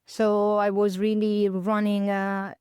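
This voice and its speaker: A woman in her fifties from northern Italy, speaking English with an Italian accent. Her voice is smooth and resonant, and the recording is close and dry. She talks in a thoughtful, searching way, full of fillers and self-corrections. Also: mid-range voice, completely flat delivery, slow, a little mellow, no echo. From northern Italy, near Milan. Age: 50s. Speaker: podcast guest. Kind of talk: reflective conversational interview.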